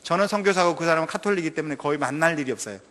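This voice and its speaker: Lively storytelling missionary preacher, man. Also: fairly high pitch, very fast, big-room sound. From North Jeolla Province, Korea. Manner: lively, humorous storytelling that draws laughs. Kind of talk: sermon with personal storytelling.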